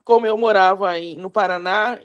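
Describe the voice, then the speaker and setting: A woman's voice: medium pitch, steady tone, moderate pace, lo-fi sound. A Brazilian woman in her fifties, a class participant, telling a personal story in a rambling, self-correcting way over a video call. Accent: Brazilian Portuguese. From São Paulo, Brazil. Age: 50s.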